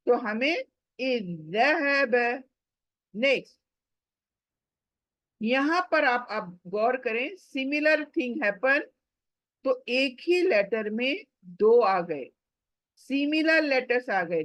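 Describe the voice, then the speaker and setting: A woman teaching a slow tajweed lesson, patiently repeating each word for learners to copy. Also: a little high, no echo, poor audio. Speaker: Quran recitation teacher.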